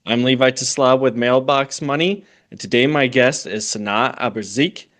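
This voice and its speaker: A man's voice: mid-range voice, moderate pace, fairly bright tone. A man hosting a business podcast, asking questions in a friendly, hesitant way with many fillers. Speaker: podcast host. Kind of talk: casual interview hosting.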